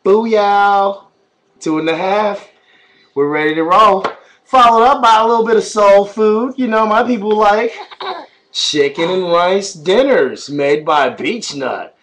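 Taking it slowly, a high-pitched father in his thirties talks to his baby in animated, singsong baby talk. The moment is part of a home vlog, filmed indoors in a small room on a webcam at arm's length.

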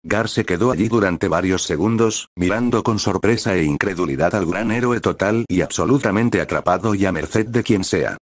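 A man narrating a fan fiction story aloud in a steady storytelling read. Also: deep voice, moderate pace, few pauses, no echo.

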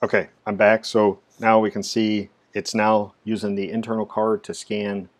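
A man with a very low voice talks through a hardware and software setup on screen. His delivery is casual and halting, with plenty of fillers as he explains each step. Keyboard typing and mouse clicks sit faintly behind him. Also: flat delivery. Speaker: tech tutorial presenter. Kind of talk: screen-recorded software walkthrough.

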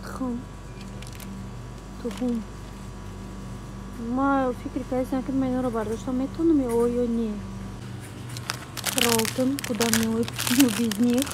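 Woman vlogger, high voice, chatty, mulls things over aloud, grocery store with clear background noise. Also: steady tone, takes it slowly, long pauses. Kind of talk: casual vlog talk. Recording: noisy shop background.

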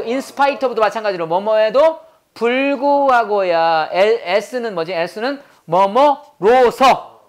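A man teaching English grammar as a lecture. He asks quick questions, answers them himself, and says English phrases slowly and deliberately. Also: high-pitched.

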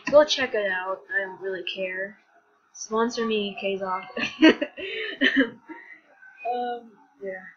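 A woman's voice: mid-range voice, lively intonation, takes it slowly, a bit bright, breathy edge. A young woman chatting casually in a rambling vlog, giggling often with a scattered, offhand manner. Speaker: vlogger. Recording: dull lo-fi sound.

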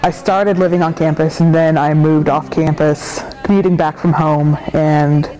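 A student speaking in an interview testimonial about a campus ministry, warm and laughing lightly. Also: medium pitch, flat delivery, moderate pace, rough recording.

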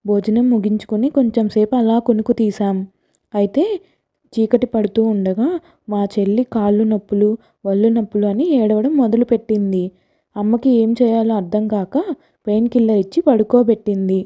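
Dark, flat-voiced woman storyteller. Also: mid-range voice. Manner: calm, even, matter-of-fact. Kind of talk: storytelling narration.

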